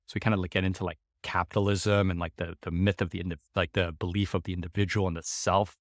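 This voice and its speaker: A man from the United States hosting a podcast, chatting in an animated, rambling way with casual swearing. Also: deep voice, quick pace, no room sound, studio quality. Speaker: podcast host. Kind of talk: casual conversation.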